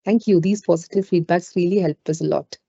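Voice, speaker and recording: A woman's voice: on the low side, fairly quick, gravelly, mellow, breathy edge. A woman with an Indian accent giving an informal live webinar as a trainer, speaking conversationally with frequent "you know" asides. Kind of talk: informal live webinar talk with audience questions. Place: indoors on an online webinar call. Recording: roomy, dull lo-fi webinar audio.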